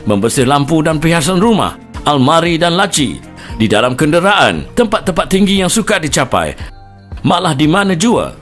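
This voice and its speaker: Animated Malaysian man, infomercial voice-over. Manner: emphatic, promotional pitch. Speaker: home-shopping announcer.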